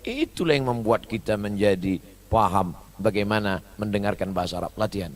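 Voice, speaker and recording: A man giving a humorous sermon, swinging between loud high bursts and soft low asides as he mimics foreign phrases. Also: lively intonation, brisk. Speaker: preacher.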